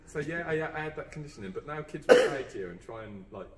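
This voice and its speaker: A man's voice: on the high side, lively intonation, quick pace, a loud crowd. A man from Dudley, a teacher chatting earnestly as a podcast guest, with lots of fillers and restarts. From England (Dudley). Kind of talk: casual podcast chat. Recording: roomy, distant mic, faint background.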